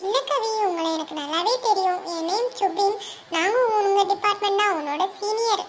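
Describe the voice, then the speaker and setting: A voice actor doing a squeaky lovesick young guy. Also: normal speed, very noisy. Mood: earnest. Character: lovesick young man, earnest and gloomy. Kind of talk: comic cartoon dialogue.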